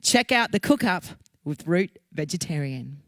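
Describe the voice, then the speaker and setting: A woman's voice: fairly low pitch, expressive, unhurried. A woman hosting a casual show and presenting her guests with bubbly, enthusiastic praise. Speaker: show host.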